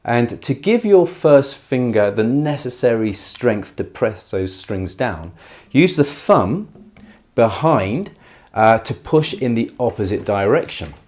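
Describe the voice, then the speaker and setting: A man giving a beginner guitar tutorial in a careful, unhurried way, patiently and reassuringly explaining each step. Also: medium pitch, very animated, darkish tone. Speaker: guitar teacher. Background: acoustic guitar playing.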